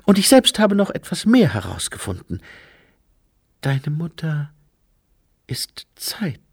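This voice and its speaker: A man voicing a sharp, questioning young woman who often drops to a breathy hush, in an audiobook reading. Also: low-pitched, very animated, takes it slowly, no echo, pitched above the performer's own voice, full character voice. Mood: tense hushed.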